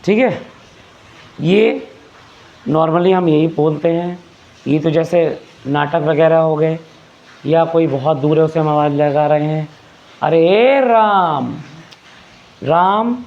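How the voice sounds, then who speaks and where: High gravelly male teacher, lo-fi. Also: a little mellow. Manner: explains patiently, repeats phrases and asks rhetorical questions. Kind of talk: classroom lesson on grammar. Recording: dull lo-fi recording.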